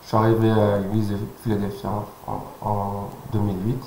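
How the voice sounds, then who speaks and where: A man in his thirties from French Guiana, answering interview questions calmly, pausing often with fillers. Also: lowish voice. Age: 30s. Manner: calm, halting, with many pauses and fillers. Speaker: interview guest. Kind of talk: casual interview. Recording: roomy sound with faint noise.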